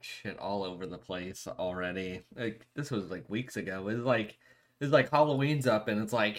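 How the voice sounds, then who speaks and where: A man hosting a show in casual podcast chat, slangy and freely swearing. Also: lowish voice. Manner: profane, slangy. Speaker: show host.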